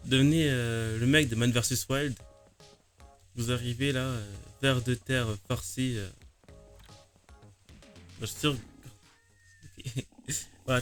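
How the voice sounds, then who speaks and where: Male streamer, casual chat with viewers, mid pitch, faint music underneath. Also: a bit bright. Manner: chatty, self-mocking.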